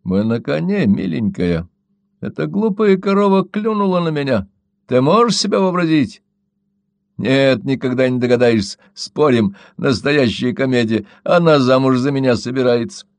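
A man's voice: mid-range voice, expressive, normal speed, no room sound, voice pushed up, lightly acted. A man voicing a brutish, mocking young man who talks smugly and sneers, in a storybook reading. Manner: smug and sneering.

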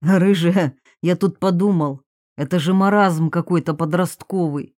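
A calm, gently teasing grown man, as a woman reader lowers her voice for him, speaks softly and without hurry. The tone is dark and mellow. The sound is dry and close, as in an audiobook. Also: dry recording, close to an everyday voice. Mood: amused. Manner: low, soft and unhurried.

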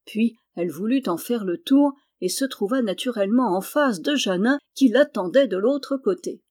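A woman narrating a historical novel audiobook in a steady, measured way. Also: on the high side. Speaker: audiobook reader.

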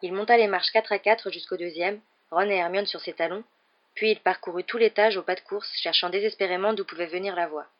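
A woman reading a novel aloud in a steady, calm narrating voice. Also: on the low side, fairly quick. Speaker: storybook reader. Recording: dull lo-fi recording.

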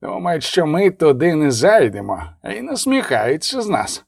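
A man voicing a cold, menacing male assassin in a rasping, slow, threatening tone, in an audiobook reading. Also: on the high side, huge pitch swings, no echo, clean studio sound, exaggerated voice.

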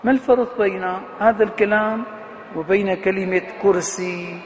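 A man with a high-pitched voice gives a classroom grammar lecture as a professor. He keeps asking his students questions and then answering them himself, and he draws out key words to stress them. His voice rings with a long reverb in a hall, over a faint hiss. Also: normal speed.

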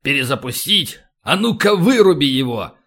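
Man doing a barking gruff marine. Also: fairly high pitch, sing-song, normal speed, fairly bright tone, exaggerated voice. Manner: barking, curt orders.

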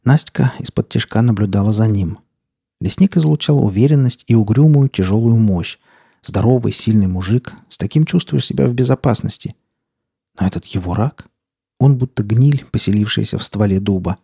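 A man narrates an audiobook in a steady, measured way. His voice is husky and dark, and it is recorded close and dry with no room sound. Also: lowish voice, dry recording. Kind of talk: scripted narration.

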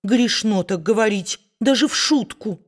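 A woman's voice: mid-range voice, a little slow, close to an everyday voice. A woman reading a storybook and voicing a pious, anxious mother who pleads with her grown son. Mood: fretful.

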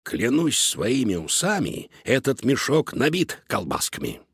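A man's voice: mid-range voice, wildly swooping pitch, a little slow, a bit bright, husky, dry recording, studio quality, full character voice. A man voicing a scruffy male tomcat tramp, confident and offhand, in a storybook reading.

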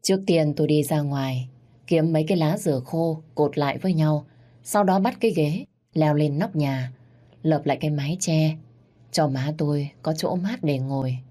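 Low-voiced woman narrating a story. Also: moderate pace, dark tone. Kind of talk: first-person audiobook narration.

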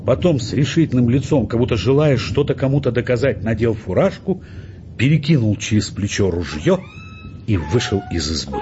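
A man narrating a literary audiobook in an expressive, measured way. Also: mid-range voice, lo-fi sound.

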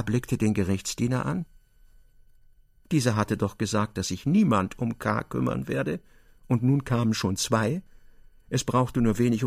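A man giving expressive scripted narration in a literary radio drama. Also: medium pitch, vocal fry, slightly rough, no echo, studio quality.

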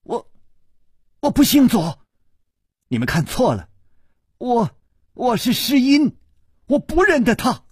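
A man's voice: very high-pitched, wildly swooping pitch, slow pace, pauses often, slightly rough, no echo, studio quality, voice pushed up, full character voice. A man voicing a panicked young noblewoman who stammers her denials in a storytelling broadcast. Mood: frantic denial. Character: young female noble, frantic and denying.

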